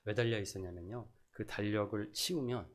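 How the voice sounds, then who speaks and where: A middle-aged man preaching a sermon as pastor, moving between loud emphasis and soft asides, and acting out pleading prayers. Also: lowish voice, brisk. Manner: acts out prayers and quotes in a pleading voice.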